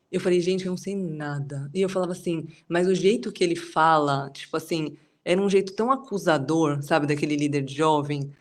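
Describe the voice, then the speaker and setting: Fast-talking Brazilian woman telling her story. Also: lowish voice. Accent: Brazilian Portuguese. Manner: chatty, rambling, many fillers. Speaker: Bible study group leader. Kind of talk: casual testimony in a group.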